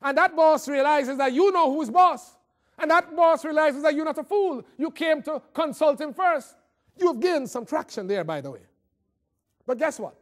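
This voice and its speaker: A Caribbean man delivers a motivational talk in a very high-pitched voice with lively intonation and a normal pace. He recounts amusing personal tales theatrically, voicing the dialogue while staying conversational.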